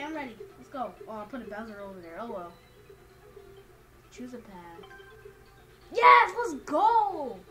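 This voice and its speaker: A woman's voice: fairly high pitch, rough recording. A woman giving casual let's play commentary in a slangy, exclamatory way, muttering to herself as she plays. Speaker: gaming video player. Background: video game music.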